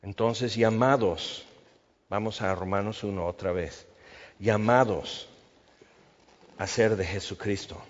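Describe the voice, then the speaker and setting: A man preaching an expository Bible sermon, teaching in a measured way and slowing down to stress his points. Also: lowish voice, fairly even intonation. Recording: long reverb, dull lo-fi sound.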